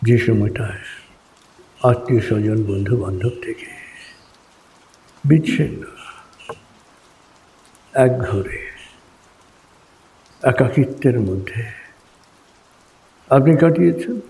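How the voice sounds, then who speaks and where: Slow, mellow man guiding a meditation. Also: medium pitch, creaky, slight background noise, low-quality recording. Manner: deliberate, soothing, short phrases with long pauses. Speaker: guided meditation leader. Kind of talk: guided meditation, slow hypnotic countdown and narration.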